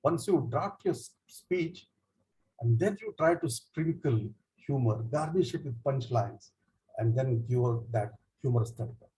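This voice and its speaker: A man with an Indian English accent leads a speech training session, explaining in a lively way with frequent fillers and retelling jokes in small acted voices. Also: medium pitch, a little slow, poor audio. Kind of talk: online education session.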